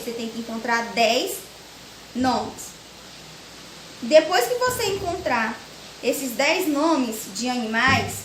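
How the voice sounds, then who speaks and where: A young woman with a Brazilian Portuguese accent teaching a children's grammar lesson, slowly and patiently breaking words into syllables. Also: high voice, a bit bright. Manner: slow, patient, spells syllables out one by one. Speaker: primary school teacher. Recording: echoey room with faint hiss.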